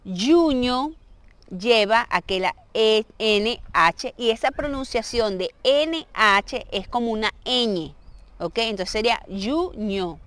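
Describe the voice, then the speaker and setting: A woman's voice: on the high side, lively intonation, measured pace, a bit bright, smooth, no room sound. A woman whose first language is Spanish, giving a casual video lesson and patiently explaining pronunciation, checking understanding with frequent "ok?". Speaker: language teacher.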